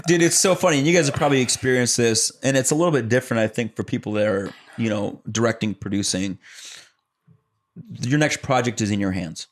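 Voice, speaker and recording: A young adult man from the Chicago area, an actor and producer telling his story as a podcast guest in relaxed, rambling chat full of fillers. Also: mid-range voice, fairly quick. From Chicago area, United States. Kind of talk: casual conversational storytelling.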